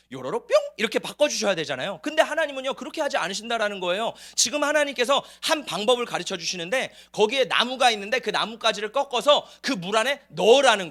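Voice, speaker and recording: A man's voice: high voice, a bit bright. A man preaching a sermon to his church, asking the congregation rhetorical questions. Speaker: pastor. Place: church sanctuary.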